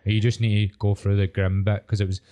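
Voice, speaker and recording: A Glaswegian man with a low, very dark and mellow voice talks fast. He is hosting a podcast as a casual chat, speaking bluntly and swearing freely. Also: little pitch movement. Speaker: podcast host.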